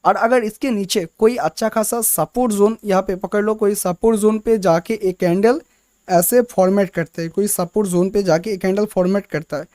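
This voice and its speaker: A man's voice: sits high, normal speed, a little mellow, dry recording. Man teaching chart trading in a dry voice. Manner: explains step by step, repeats phrases and restarts words. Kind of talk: casual screen-recorded chart lesson.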